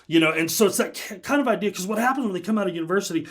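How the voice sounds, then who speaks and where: A man with a fairly high voice talks as a guest on a podcast. He tells stories with lively energy, laughs a lot and restarts his sentences often. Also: rapid-fire. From United States. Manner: animated storyteller, laughs often, many restarts. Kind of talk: casual podcast chat.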